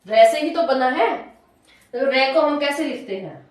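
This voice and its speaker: A woman's voice: high-pitched, animated, measured pace. A woman teaching a Hindi grammar class, asking her students questions and answering them herself, drawing out syllables and repeating key points. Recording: echoey room, voice from far off.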